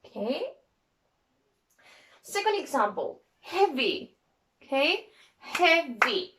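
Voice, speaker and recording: A woman's voice: a little high, bright, forceful tone. A woman teaching an English grammar lesson, spelling out letters one at a time and checking in with "okay?" after nearly every phrase.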